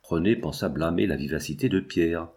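A man reading a classic novel aloud in a measured, literary narration. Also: low-pitched, darkish tone. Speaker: audiobook reader. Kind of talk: scripted audiobook narration.

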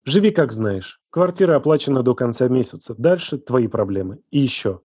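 A man's voice: mid-range voice, expressive, a little fast, slightly rough, no echo, studio quality. Man voicing a betrayed, furious young woman. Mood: bitter. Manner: trembling, shouting and hissing in turn.

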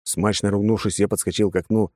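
Low-voiced wry male audiobook narrator. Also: flat delivery, fast talker, a little mellow, no echo. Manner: dry, wry, sardonic storytelling. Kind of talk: first-person audiobook narration.

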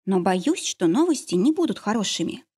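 Woman reading an anxious young woman, hesitant, husky, a bit higher. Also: big pitch swings, moderate pace, dark tone. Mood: guilty. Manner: hesitant, apologetic. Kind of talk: audiobook character reading.

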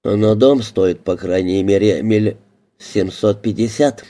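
A man reading the lines of a defiant woman with a hidden past, answering in sharp, defensive retorts. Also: on the low side, takes it slowly.

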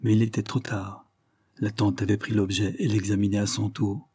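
A man narrating a literary story in the first person, in a measured, reflective reading. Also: fairly low pitch, little pitch movement, warm tone, slightly rough, dry recording, studio quality. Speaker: audiobook reader.

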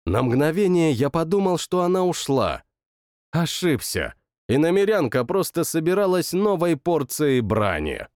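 A man's voice: on the high side, unhurried, dry recording, clean studio sound. A man narrating an audiobook in first person, with growled outbursts. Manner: lively, growling outbursts in quoted lines.

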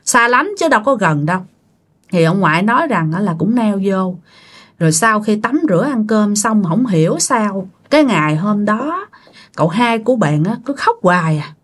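A woman's voice: medium pitch, lively intonation, normal speed. A woman with a Southern Vietnamese accent telling a ghost story casually, talking straight to her listeners. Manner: chatty, addressing listeners directly.

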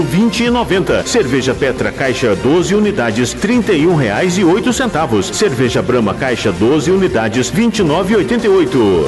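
Brazilian male announcer with animated, highish pitch. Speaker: radio advertising announcer. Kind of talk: scripted promotional price read. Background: loud music.

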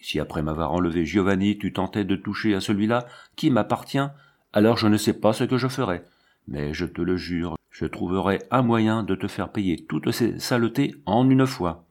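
A man's voice: sits low, moderate pace, a little mellow. A man reading the part of a defiant young woman from a travelling menagerie, fierce and threatening.

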